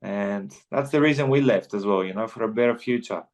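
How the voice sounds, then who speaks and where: In a casual interview, a laid-back Greek guest fighter in his twenties keeps adding "you know" as he talks. He speaks briskly in a lowish voice.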